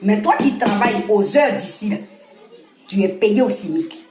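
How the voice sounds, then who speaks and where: A woman with an Ivorian French accent, talking casually and scolding with animated laughs. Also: medium pitch, a little slow, reverberant, soft background music. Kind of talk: casual monologue to camera.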